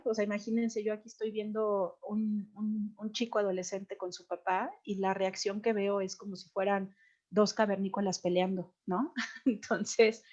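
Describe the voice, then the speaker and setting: A woman giving a casual talk about child development to an audience, pointing to images and tagging her points with questions. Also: mid-range voice. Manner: conversational, tags questions with "¿no?", frequent fillers; acts out angry and scolding quotes. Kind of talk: informal talk with slides. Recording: slightly dull, muffled sound.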